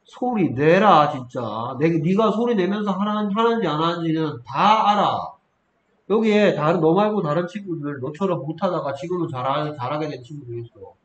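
A man's voice: fairly high pitch, brisk, lo-fi sound. A man tutoring a student one-on-one, coaxing and scolding, prodding again and again for an answer. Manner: scolding, repeatedly prompting with "어?". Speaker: English tutor. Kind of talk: one-on-one spelling lesson.

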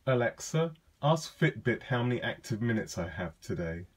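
A man casually demonstrating a voice assistant, talking in a relaxed, chatty way with lots of ums and uhs. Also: mid-range voice, normal speed, slightly rough. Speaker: tech vlogger demonstrating a device. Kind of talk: casual spoken demo.

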